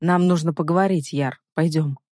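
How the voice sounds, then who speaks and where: A man plays a stern, protective older brother, his voice low and quiet but hard. The sound is close and dry. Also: fairly even intonation, moderate pace, dry recording, lightly acted.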